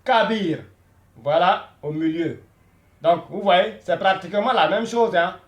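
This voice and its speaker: A man's voice: high voice, unhurried, roomy sound. A man teaching a beginner Arabic lesson, patient, repeating each word many times and checking in with listeners.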